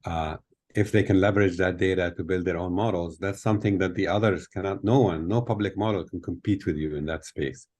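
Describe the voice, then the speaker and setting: Older man, from Tunisia, deep voice, thoughtful explainer, video-call audio. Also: brisk, a little mellow. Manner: thoughtful, explanatory, with many fillers. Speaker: guest speaker. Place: hotel room with window. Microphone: laptop webcam on video call.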